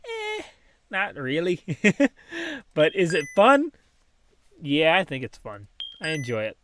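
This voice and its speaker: A man's voice: on the high side, wildly swooping pitch, slow pace, fairly bright tone, slight background noise. A man casually commentating his own game play, thinking aloud with many ums and small laughs. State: has the hiccups. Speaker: gaming channel host.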